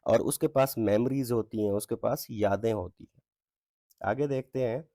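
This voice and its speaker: Male English teacher, mellow and dry, reads examples slowly with heavy stress. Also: mid-range voice, no echo. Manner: reads English lines slowly with stress, asks "ठीक है?" often. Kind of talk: explaining a textbook exercise.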